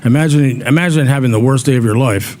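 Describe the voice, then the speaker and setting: A man's voice: medium pitch, fast, darkish tone. A man interviewed as a guest on a talk show, talking earnestly about community aid, often repeating words as he thinks aloud. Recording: faint background noise.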